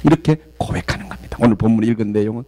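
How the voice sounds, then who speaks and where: A man from southeastern Korea, a guest pastor preaching a sermon and telling stories in an animated way. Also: fairly low pitch, rapid-fire. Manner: animated storytelling, acts out quoted voices.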